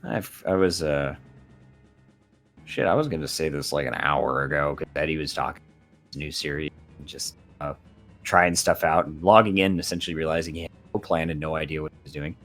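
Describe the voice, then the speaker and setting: A man chatting casually as a podcast guest, animated and joking as he rambles through a story. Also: very deep voice, brisk, soft background music.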